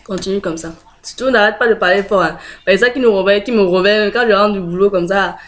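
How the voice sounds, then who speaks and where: A French woman talks straight to her camera in a loose, chatty way, pausing on fillers as she searches for words. Her pitch sits in an ordinary middle range for a woman, and she slips into easy laughter. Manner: chatty, hesitant with many fillers, laughs often. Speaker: video blogger. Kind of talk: casual direct-to-camera chat.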